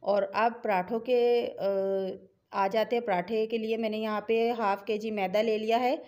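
A woman's voice: mid-range voice, flat delivery, unhurried, a little mellow. A middle-aged woman with a Pakistani Urdu accent, talking viewers through a home cooking recipe in a chatty, encouraging, instructive way. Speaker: cooking channel host. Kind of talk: home cooking tutorial voice-over.

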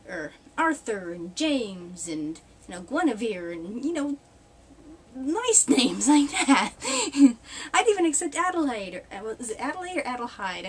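A New England woman in her thirties, a vlogger, chats to her webcam in a small room with a red cloth backdrop, rambling and wry, laughing often and swearing mildly. Her voice is fairly high, with a little hiss or hum in the audio.

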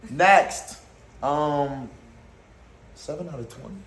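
A man's voice: on the high side, slow, a crowd in the background. A man hosting a dating game segment in casual chat, brash, profane and teasing. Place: indoor room in a content house. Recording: echoey room.

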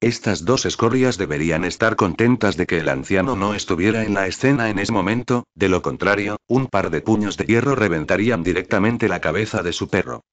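A man reading a novel recap as scripted narration, in an even, flat manner. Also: on the low side, brisk, hardly any pauses, dry recording, muffled recording.

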